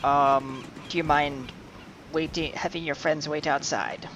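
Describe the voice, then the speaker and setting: A man running a tabletop game, narrating scenes in a halting, conversational way as he improvises. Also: fairly high pitch, highs cut off, background noise. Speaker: game master.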